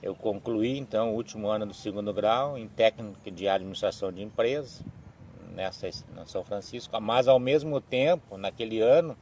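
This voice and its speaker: A man, giving a slow, halting religious reflection on a live stream, with frequent restarts and tag questions. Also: on the low side, darkish tone, a little hiss or hum. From southern Brazil. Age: 60s. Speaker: evangelical live-stream speaker.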